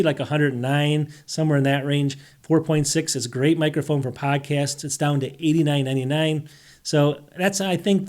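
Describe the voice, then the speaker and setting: Male tech-deals host, rapid and rambling, slightly raised pitch, voice wearing thin. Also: darkish tone. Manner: rambling, self-interrupting, asks rhetorical questions. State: losing his voice. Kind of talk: casual tech deals walkthrough.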